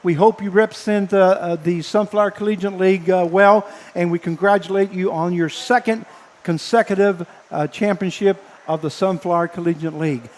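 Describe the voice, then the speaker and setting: A man broadcasting baseball, signing off live from the press box, speaking haltingly and earnestly with many fillers, emotional and choked up. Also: high-pitched, fairly even intonation. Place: press box above a ballpark. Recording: long hall-like reverb.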